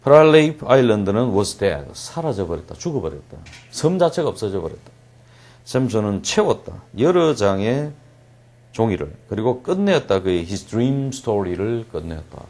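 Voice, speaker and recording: A man teaching English reading in a classroom lecture. He reads English lines slowly and deliberately, explains them quickly, and asks questions that he answers himself. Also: lowish voice, sing-song, darkish tone.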